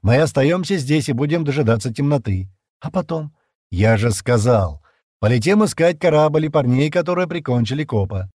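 Male reader doing a husky, domineering space pilot who speaks curtly and mockingly in a dry audiobook recording. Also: mid-range voice, animated, moderate pace, darkish tone, no room sound, voice pushed up, close to an everyday voice. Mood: calm, confident. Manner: curt, sneering, commanding.

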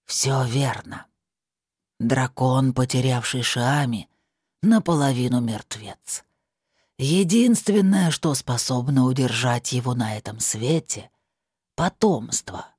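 A cruel invisible spirit with a husky, breathy voice, taunting and scornful in every word, as a woman puts him on for an audiobook. He drags his words out slowly, in a dry, close-miked read. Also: a bass voice, a little mellow, no room sound, pitched below the performer's own voice, full character voice. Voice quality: husky, slow and drawn out. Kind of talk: audiobook narration.

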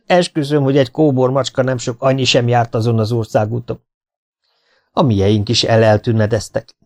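A man reading a first-person humorous memoir as an audiobook, lively and expressive. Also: mid-range voice. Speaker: audiobook reader. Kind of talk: scripted first-person narration.

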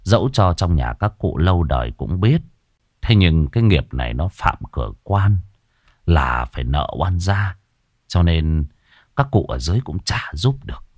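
A man voicing a calm, grave male exorcist master who speaks low and measured. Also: no echo, clean studio sound, exaggerated voice.

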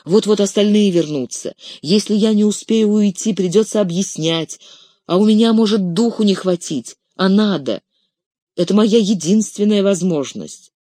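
Reader putting on a low-voiced tired hobbit, resolute, gently stern, dry close sound. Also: normal speed, no room sound, natural voice. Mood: resigned. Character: weary, resolute male hobbit on a grim quest. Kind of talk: audiobook character reading.

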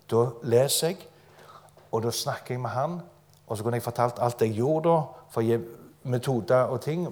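A man preaches in an easygoing, folksy way to a congregation gathered in front of him. His voice sits at an ordinary middle pitch. He mixes homely personal stories with gentle humor, and it sounds like everyday talk rather than a formal address. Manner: conversational and folksy, with light humor. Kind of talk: informal live sermon. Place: church gathering before a live audience.

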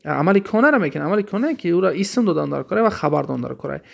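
A man with a Tajik accent teaches grammar, his voice gravelly and a bit high. He reads phrases out slowly, then rushes through the explanations and keeps asking his listeners questions. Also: lively intonation. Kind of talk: classroom lesson explaining Arabic text in Persian.

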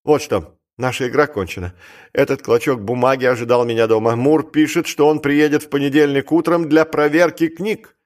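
A man's voice: medium pitch, fairly even intonation, lightly acted. A man reading as a reckless commanding clerk. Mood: grim, commanding. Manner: commanding and brisk. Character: bold reckless male clerk and gambler. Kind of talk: audiobook character reading.

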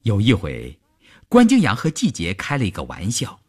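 A man narrating a long-form story for radio in an expressive storytelling voice. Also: on the low side, moderate pace, husky.

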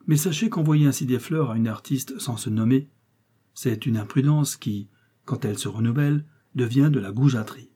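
A stern, cutting aristocrat, a count who fights duels for sport, read by a male narrator. He talks down to people in a cold, clipped way. The voice is mellow and a little husky. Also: medium pitch, moderate pace, close to an everyday voice. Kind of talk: audiobook character reading.

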